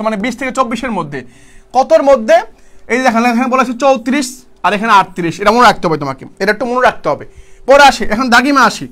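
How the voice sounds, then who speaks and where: High-voiced fast young male tutor. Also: a bit bright. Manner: asks questions and answers them himself, repeats key words; calls students brother, speaks colloquially. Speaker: online tutor. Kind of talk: online exam-prep lecture.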